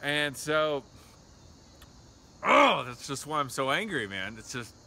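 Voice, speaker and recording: A man's voice: fairly high pitch, sing-song, slow pace, gravelly, pushed and bright, a little hiss or hum. A man delivering a heated, rambling monologue straight to the camera, agitated and leaning heavily on filler words. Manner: agitated, rambling, heavy use of "like". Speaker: vlogger.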